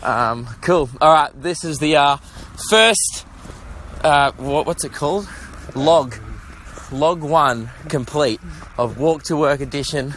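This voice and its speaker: Strolling suburban roads near traffic, a breathless Australian podcaster rambles jokily and mocks himself in a relaxed vlog-style chat. His voice is fairly high and a bit bright, his pace slow, and a little hiss or hum is audible.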